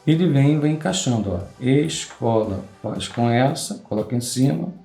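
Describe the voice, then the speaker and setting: Brisk and lively in intonation, this man's medium-pitched voice has a gravelly, dark tone and a Brazilian Portuguese accent. He hosts a craft tutorial, walking through a classroom craft game step by step and patiently checking in with listeners after almost every phrase. Faint music and a roomy echo fill the background.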